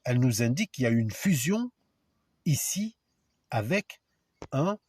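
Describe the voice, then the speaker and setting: A man with a slightly husky voice talks his viewers through a lesson at an unhurried pace. His pitch swings widely as he stresses points and spells out sounds one at a time. He addresses the audience directly, with an emphatic, provoking edge. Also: very animated, darkish tone, no echo. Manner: spells out letters and sounds slowly. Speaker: video lecturer. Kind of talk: informal explanatory monologue to viewers.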